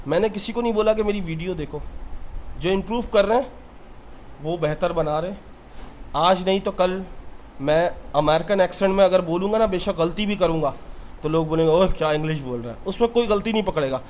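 A man's voice: high-pitched, a little mellow, slight background noise. A man who teaches English and talks earnestly about his own mistakes in a motivational lesson.

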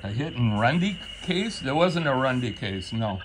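A man's voice: medium pitch, sing-song, moderate pace. A man in his fifties making a prank call, feigning confusion and mock indignation. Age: 50s. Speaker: prank caller. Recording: phone call with background noise.

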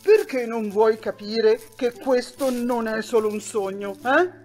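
Storybook dragon, woman actor, lonely and kind, booming, slowish and pleading, higher pitched than expected. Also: darkish tone, faint music behind. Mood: gently insistent.

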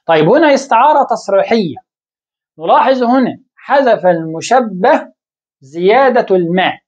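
A woman teaching a lesson, asking herself questions and answering them, with halting restarts. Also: mid-range voice, darkish tone, breathy edge, highs cut off. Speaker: Arabic grammar teacher. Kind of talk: explaining a lesson.

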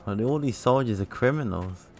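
A man's voice: medium pitch, lively intonation, normal speed. A man giving casual let's play commentary, chatty and prone to swearing. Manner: chatty, swears and laughs often. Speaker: gamer.

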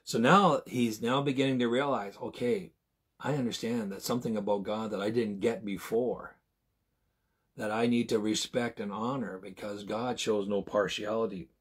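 This informal Bible teaching comes from a preacher in his sixties whose husky, lowish voice keeps a steady tone. Speaking in a small home room, he talks conversationally and haltingly, often circling back to repeat and rephrase.

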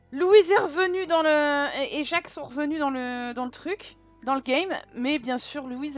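A high-pitched woman commenting on a life-sim game as she plays, chatty and expressive. She talks to the viewers in a casual, lively way. Faint game music sits underneath her voice. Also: no echo. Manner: chatty and expressive, full of exclamations and fillers. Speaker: gaming channel host. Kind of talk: casual let's-play commentary.

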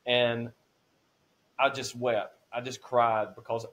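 A man's voice: medium pitch, little pitch movement, slow, a bit bright. A man in his forties on a podcast, telling a personal faith testimony with earnest feeling, his voice rising when he is moved. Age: 40s. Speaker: podcast guest. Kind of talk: emotional testimony.

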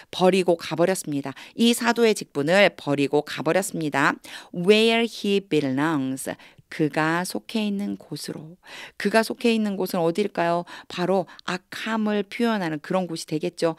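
A woman with a lowish voice and a Korean accent teaches English from Bible verses. She reads each English phrase slowly, then explains it in quick, patient bursts. The sound is dry and close. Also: no echo. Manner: explains patiently, asks and answers her own questions. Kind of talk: Bible English reading lesson.

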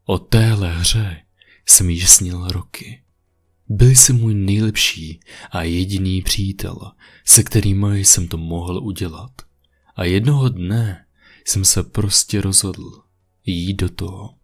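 A man reading a creepypasta, voicing a menacing young man who runs a cruel game with slow, low, half-whispered menace. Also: fairly even intonation. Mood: cold. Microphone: USB condenser mic.

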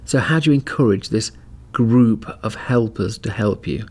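A podcast host with a lowish, slightly mellow voice chats casually at a moderate pace, demonstrating a home security camera and offering advice. He begins outdoors on his home driveway and then moves indoors.

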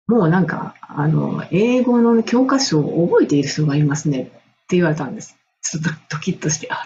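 A woman's voice: lowish voice, darkish tone, lo-fi sound, slight background noise. A middle-aged woman from Japan, an English and music coach, telling a personal story in a casual, enthusiastic monologue and laughing often.

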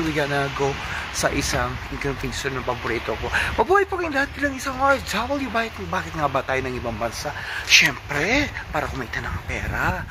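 Holding a phone out at arm's length, a middle-aged man from the Philippines makes a casual walking vlog along a city street at night, ending up in a convenience store. An overseas worker with a medium-pitched voice, he greets viewers loudly and cheerfully, mixing Tagalog and English in an animated way, while loud traffic noise surrounds him.

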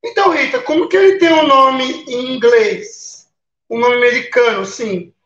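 A man's voice: very high-pitched, moderate pace, fairly bright tone. A Brazilian man talks casually on a live stream, greeting viewers one by one and tacking little questions onto his sentences. His voice sits in a roomy space. The sound is a bit dull and muffled. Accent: Brazilian Portuguese. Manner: chatty, greets viewers by name, tag questions. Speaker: live-stream baking host.

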